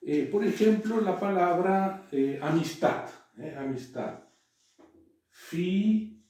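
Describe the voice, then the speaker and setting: A man giving a classroom lecture, halting, with frequent "eh" and checks that students follow. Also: high-pitched, animated, a little mellow. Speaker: teacher. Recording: echoey room, voice from far off.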